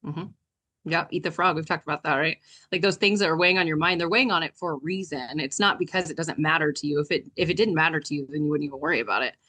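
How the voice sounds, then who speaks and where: A woman's voice: deep voice, fast talker, sharp tone. A woman co-hosting a podcast as an HR director, chatty and peppered with "like". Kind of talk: casual podcast chat.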